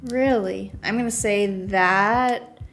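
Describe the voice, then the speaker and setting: A woman's voice: mid-range voice, steady tone, takes it slowly, fairly bright tone, slight background noise. A woman giving casual, playful game commentary, thinking aloud and talking back to the characters. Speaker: gamer playing through a story game.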